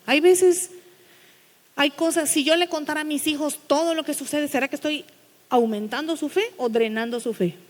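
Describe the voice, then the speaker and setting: A woman pastor with a high voice delivers a blunt, no-nonsense sermon, pressing her listeners with rhetorical questions. Her voice rings out with the long reverb of a church sanctuary. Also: normal speed.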